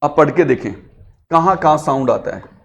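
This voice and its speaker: A man's voice: a little high, animated, moderate pace, creaky. A man teaching a Hindi grammar class, explaining step by step and often asking his students questions before answering them himself. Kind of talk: classroom lecture.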